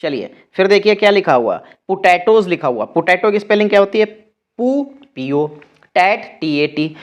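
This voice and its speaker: A young man teaching an exam-prep vocabulary lesson, spelling words out letter by letter. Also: high-pitched.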